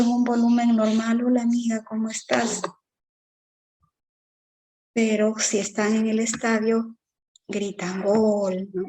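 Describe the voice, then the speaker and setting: A woman teacher giving an exam-prep lecture, explaining slowly with many fillers and tag questions. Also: mid-range voice, a little mellow, rough recording.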